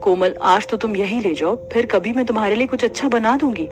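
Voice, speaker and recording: A woman voicing a patient young daughter-in-law and mother in an animated family story, gentle and polite. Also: fairly high pitch, a little fast, close to an everyday voice.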